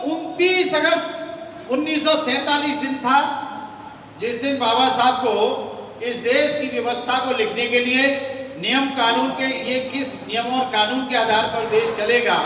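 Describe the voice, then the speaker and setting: A man's voice: very high voice, measured pace, pushed and bright, slight background noise. A man giving a speech from a stage at a public gathering, firing rhetorical questions at the crowd and checking that they follow him. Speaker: public speaker. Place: stage at an outdoor or hall gathering. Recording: echoey hall sound from far off.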